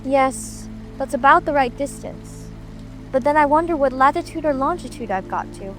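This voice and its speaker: A woman's voice: high voice, expressive, normal speed, fairly bright tone, faint music behind. A woman playing a curious, polite little girl who chatters and wonders to herself in a dramatic audiobook. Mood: curious wondering. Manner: musing aloud to herself.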